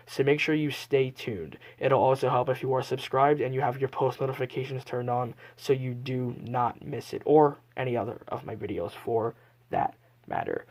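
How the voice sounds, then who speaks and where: Presenting himself as a card magician and video host, a man narrates a card trick for viewers, explaining every step in patter-like fashion. His voice is mid-range and darkish, with music in the background.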